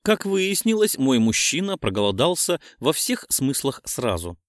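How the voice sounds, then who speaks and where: A man reading a first-person romance novel aloud as an audiobook, in a smooth, lively narration. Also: mid-range voice, normal speed, no room sound, studio quality.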